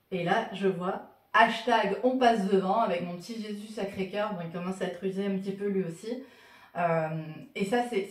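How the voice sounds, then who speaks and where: A woman's voice: medium pitch, reverberant, recorded from a distance. A woman talking to camera about her own T-shirts, casual and wry, with plenty of fillers. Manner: wry, joking, many fillers. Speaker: vlogger showing her T-shirts.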